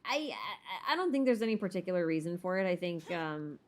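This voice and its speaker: Speaking fast in a lowish, sing-song voice, a woman fields viewer questions on her livestream. She thinks out loud in a relaxed, opinionated way, using informal, emphatic wording over background music.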